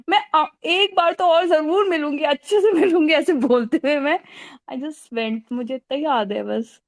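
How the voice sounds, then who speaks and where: A woman in her forties telling an animated story about meeting celebrities, laughing often and mixing in English phrases. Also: high voice, no echo, studio quality. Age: 40s. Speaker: fan recounting a celebrity meeting. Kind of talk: casual storytelling.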